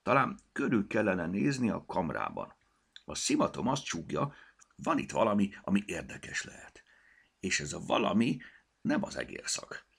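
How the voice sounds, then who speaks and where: A man's voice: sits low, sing-song, gravelly, breathy edge, voice pushed up, full character voice. A man voicing a grumpy, fussy male gnome sleuth in a storybook, muttering and exclaiming. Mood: grumbling. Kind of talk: storybook character voice.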